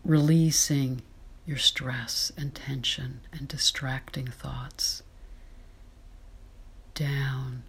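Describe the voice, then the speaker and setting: A woman leading a guided meditation in a soft, breathy whisper, slow and soothing. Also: a bass voice, fairly even intonation.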